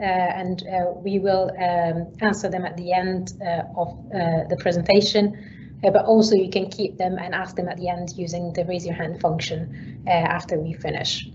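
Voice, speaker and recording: Woman, 30s, from Egypt, guest lecturer on a webinar, easygoing delivery, muffled call audio. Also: lowish voice. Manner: relaxed, with frequent fillers. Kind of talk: online academic seminar. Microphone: video call. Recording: slightly dull online call audio with faint noise.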